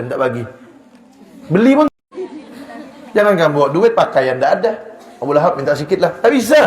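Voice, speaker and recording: A man teaching an Islamic study sermon in a lively way, booming at some points and dropping to a hush at others. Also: roomy sound. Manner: animated, shifts between loud emphasis and hushed low lines. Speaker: religious teacher. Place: Islamic boarding school hall.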